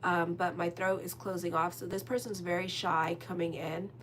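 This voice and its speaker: In a lowish, fairly bright voice with a steady tone and moderate pace, a woman astrologer does a casual tarot horoscope reading. She rambles and chats with plenty of fillers, speaking frankly and directly to listeners over slight background noise.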